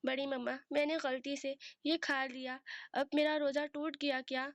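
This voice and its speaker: A woman's voice: high-pitched, level tone, moderate pace, no room sound, muffled recording, close to an everyday voice. A woman voicing an innocent, earnest young heroine.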